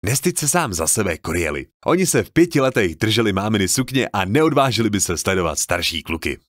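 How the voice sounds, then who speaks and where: A man's voice: lowish voice, big pitch swings, no room sound, clean studio sound. A man voicing a coarse, teasing veteran soldier in an audiobook. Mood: encouraging.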